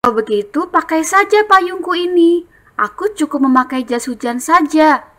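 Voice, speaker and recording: A woman voicing Benny, a friendly and generous young schoolboy, in a bright, sing-song storybook reading voice. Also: high voice, lively intonation, moderate pace, pitched above the performer's own voice. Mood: cheerful, helpful.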